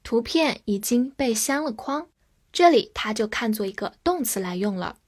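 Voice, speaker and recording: A woman teaching English vocabulary. She spells each word letter by letter and repeats the example phrases slowly. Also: on the high side, expressive, a little mellow, breathy edge. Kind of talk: slow, clear vocabulary lesson.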